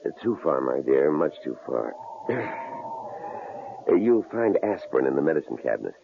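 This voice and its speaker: A hissy, tinny lo-fi radio recording from the 1950s-70s features a male actor playing a middle-aged psychology department head at a university who had pretended to be a killer. His exaggerated voice is very deep and gravelly, and he sounds shrewd, calm, measured and dryly amused.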